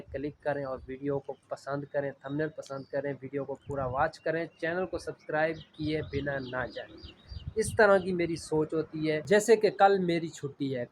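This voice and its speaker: A man's voice: a little high, slight background noise, low-quality recording. A man from Punjab, Pakistan, talking casually to camera as a vlogger, earnest and rambling with a repeated filler phrase. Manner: earnest, rambling, heavy use of the filler "jo hai".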